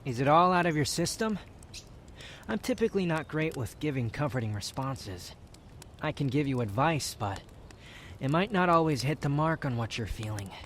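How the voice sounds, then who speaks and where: A man's voice: a little high, big pitch swings, normal speed, fairly bright tone, a little hiss or hum. Man voicing Scaramouche, a haughty, prickly young wanderer. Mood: gently advising. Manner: haughty, dry, formal wording with reluctant tenderness. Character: aloof, prickly young wanderer softening into affection. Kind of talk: romantic roleplay ASMR.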